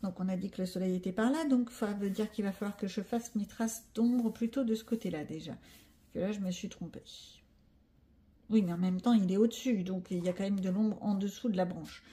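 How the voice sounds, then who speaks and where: Speaking a little fast in a dark-toned, mid-range voice, a French-accented woman narrates a casual coloring tutorial. She thinks aloud as she works, teases herself and walks through each step.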